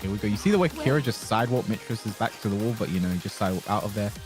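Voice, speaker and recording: A man's voice: fairly low pitch, animated, rapid-fire. A man co-casting a live fighting game tournament as an esports caster, reacting to and analysing the play. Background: music.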